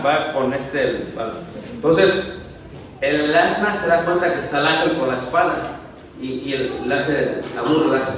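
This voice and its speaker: A male preacher who gives a lively sermon, jokes with the congregation, asks them questions and acts out the story. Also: on the high side. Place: church hall. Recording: very echoey church hall, mic far off, faint noise.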